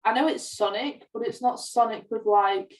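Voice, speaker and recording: A woman with a slightly high voice talks at a moderate pace, casually co-hosting a podcast about films and games. She sounds distant from the mic in an echoey room.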